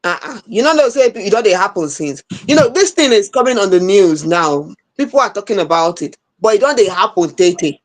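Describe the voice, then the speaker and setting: A woman with a Nigerian accent talks in a medium-pitched voice. She mixes Nigerian Pidgin with English as she co-hosts an entertainment talk show in a casual, conversational way. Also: expressive, brisk, hardly any pauses. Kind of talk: casual chat.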